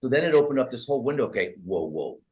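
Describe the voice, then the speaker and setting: A medium-pitched, rapid-fire voice belongs to a man in his 30s who is a therapist and author. In an interview conversation he's animated, acting out his dialogue with clients.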